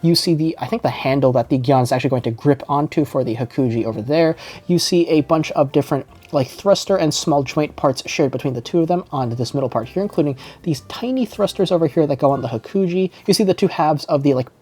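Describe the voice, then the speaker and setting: A man talks through a model kit unboxing in a relaxed, methodical review voice. His pitch sits a little high for a man, and he often hedges as he points out each part. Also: fast talker, few pauses, husky. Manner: casual, methodical, frequent hedges like "I think".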